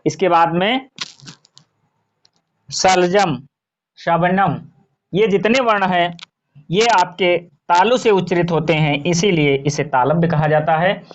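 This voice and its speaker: A man's voice: high voice, fairly even intonation, takes it slowly, pauses often, lo-fi sound. A man teaching a grammar lesson. He spells out sounds and example words one at a time, and he asks each question and then answers it himself in drill fashion.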